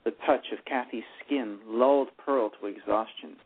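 A man speaking at normal speed, his mid-range voice touched with breathiness, narrates a live radio play. Frequent stumbles and restarts mark his reading, and the audio is a tinny phone-line broadcast.

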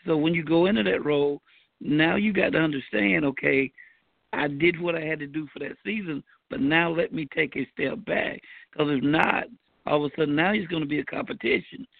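A man co-hosting a casual faith-based talk show, laid-back and folksy, pausing often with fillers. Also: on the high side, creaky, no room sound, narrow, tinny audio. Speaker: podcast co-host.

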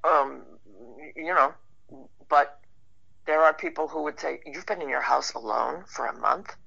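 Over dull, lo-fi online-call sound, an actor and writer speaks as an interview guest in a plain-spoken, informal, reflective way. Her voice sits low and is unhurried, husky and fairly bright, with vocal fry.

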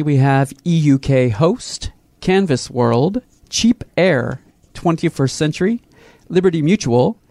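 A man's voice: fairly high pitch, a little mellow, no echo, studio quality. A man announcing a show's sponsors in a read-out list.

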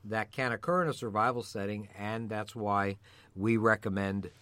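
A middle-aged man with a gravelly, mildly hoarse voice, co-hosting and explaining in a measured, conversational way. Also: on the low side, fairly bright tone, dry recording. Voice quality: gravelly voice from a passing illness. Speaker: co-host of a survival medicine show.

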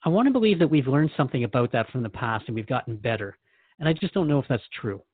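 Animated, fast and husky, this mid-range male voice belongs to a podcast host questioning a spiritual guide, asking earnest questions as he reflects aloud. The sound is narrow and tinny, without echo.

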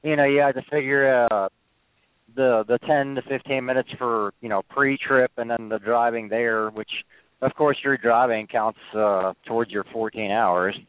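Halting male caller on a phone line. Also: mid-range voice, steady tone, clean tone, dry recording. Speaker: truck driver calling in. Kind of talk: casual chat. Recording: narrow, muffled cell phone line.

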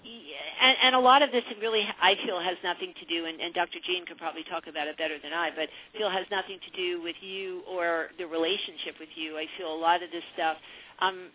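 A woman's voice: fairly low pitch, steady tone, fast talker, slight background noise. A woman hosting a call-in advice radio show, conversational and reflective, repeating phrases, with narrow phone-like sound. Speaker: psychic advice radio host.

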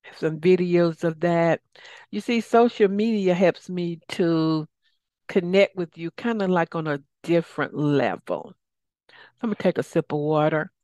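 A woman's voice: lowish voice, unhurried, darkish tone, no room sound. A woman speaking casually as the solo host of a coaching show, rambling conversationally with asides. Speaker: podcast host and life coach.

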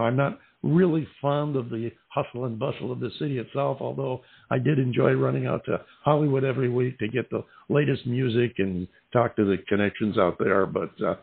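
A radio show host with a Southern California background talks with a musician over the phone, posing long, winding questions in a polite, formal manner. His voice is mid-range, creaky, and husky. The recording carries a tinny phone-line sound.

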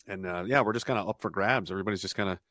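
A man's voice: low voice, very fast, a bit bright, no echo, studio quality. A man talking as a podcast guest in a casual, rambling way, often restarting phrases and chuckling between thoughts. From Canada.

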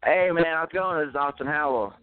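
A man's voice: fairly high pitch, fairly quick, clean tone. A man calling in to a show over a faint phone line that keeps cutting in and out, repeatedly checking whether he can be heard. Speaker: guest calling in. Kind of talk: casual phone chat. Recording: tinny distant phone line with faint music.

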